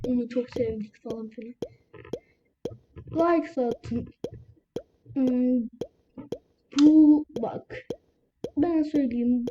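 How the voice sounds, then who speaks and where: A woman with a somewhat high voice grumbles and rants through casual gaming commentary. The audio is dull and lo-fi, with steady noise underneath. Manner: grumbling, ranting at the game. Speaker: gaming channel host. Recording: lo-fi with background noise.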